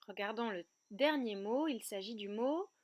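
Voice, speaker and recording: A woman teaching a remote kindergarten lesson, speaking slowly and clearly and breaking words into syllables. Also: a little high, noisy background. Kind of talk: remote lesson for young children. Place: outdoor terrace at night.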